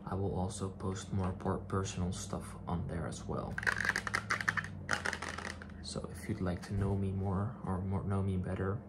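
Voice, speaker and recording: Man in his twenties, soft-spoken ASMR, hushed, hesitant, gravelly fry, loud clicking and tapping noise. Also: level tone, measured pace. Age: 20s. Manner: hushed, low-key and hesitant. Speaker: ASMR video creator. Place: small attic bedroom, indoors. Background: clicks, tapping and object handling.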